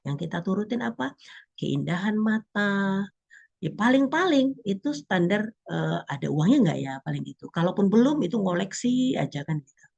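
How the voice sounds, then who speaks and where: A woman giving a lively religious talk to women, often acting out little prayers and complaints. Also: mid-range voice, normal speed, gravelly, slightly rough, muffled recording. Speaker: religious speaker.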